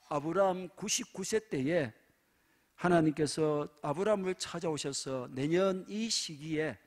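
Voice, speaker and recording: A middle-aged male pastor with a Gyeongsang accent preaching a sermon, humorous and emphatic. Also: a little high. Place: church sanctuary.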